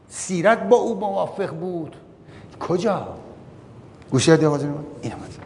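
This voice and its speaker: A man giving a religious lecture. He reads out Arabic passages, explains them line by line and keeps asking his listeners questions. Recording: long hall reverb with faint rumble.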